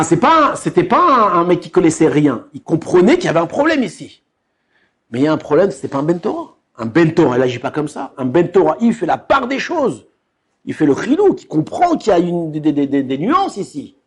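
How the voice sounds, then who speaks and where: A man, a rabbi, giving a colloquial Torah lesson, telling stories and acting out the scenes in them. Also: sits high. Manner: animated, colloquial, acts out scenes.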